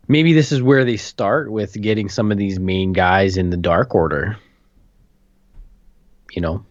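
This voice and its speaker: A man with a very low voice adding dry, sarcastic comments in a casual podcast chat. The sound is close and dead, with no room around it. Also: no room sound, highs cut off. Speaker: podcast co-host.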